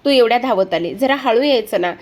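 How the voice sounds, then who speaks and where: A woman voicing a young man who steps into a family quarrel and asks everyone to calm down. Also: fairly high pitch, a little fast, close to an everyday voice. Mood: firm.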